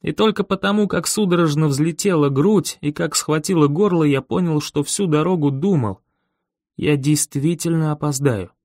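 A man's voice: on the high side, normal speed, few pauses, darkish tone, dry recording, clean studio sound. A man reading a first-person audiobook with an intense, urgent inner-monologue delivery. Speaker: audiobook reader.

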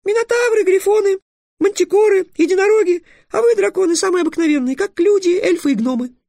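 A man voicing a tiny, hot-tempered female fairy in a very high, shrill voice. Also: fairly quick, gravelly, mellow, no room sound, studio quality. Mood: ranting.

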